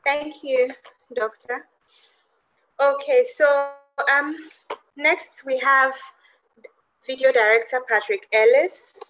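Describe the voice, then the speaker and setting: A woman's voice: sits high, fairly even intonation, slow, long pauses, a bit bright, rough recording. Chatty woman hosting an online conference. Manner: chatty, searching questions with hedging fillers. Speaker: conference host. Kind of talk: hosting a virtual conference interview. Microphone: video call.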